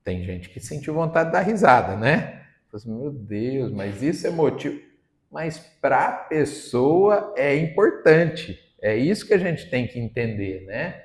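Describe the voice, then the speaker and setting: A man's voice: fairly high pitch, big pitch swings, unhurried. Brazilian man giving a roomy hall talk. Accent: Brazilian Portuguese. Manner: conversational, often adds tag questions. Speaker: lecturer at a spiritist center. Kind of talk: Sunday spiritist talk. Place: hall of a spiritist center.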